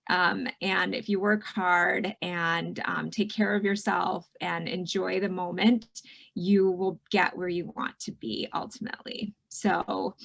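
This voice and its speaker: Woman, middle-aged, from Michigan, physician, casual video-call talk, chatty with fillers, some vocal fry. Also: medium pitch, dull audio. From Michigan, USA. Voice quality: warm, chatty, many fillers. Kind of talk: casual online presentation. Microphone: video call mic.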